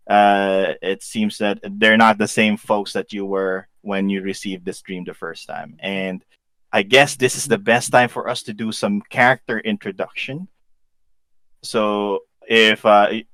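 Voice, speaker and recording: A man's voice: medium pitch, pushed and bright, no room sound. A man running a tabletop game as game master, hesitant with many fillers.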